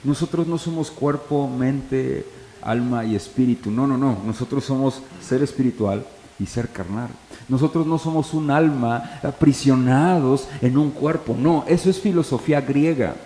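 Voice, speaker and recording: A man's voice: mid-range voice, moderate pace, mellow, a little hiss or hum. A pastor preaches in an easy, conversational way, often turning to his congregation with questions. His voice carries a long reverb through a roomy church hall. A faint ambience sits beneath him. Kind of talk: sermon.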